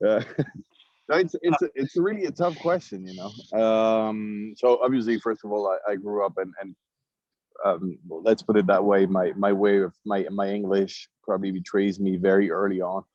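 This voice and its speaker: A thoughtful Swiss cigar company founder, speaking with a Swiss French accent, chats on a casual podcast in a lowish, slightly mellow voice at normal speed. He repeats words as he searches for them, and the lo-fi sound has no echo.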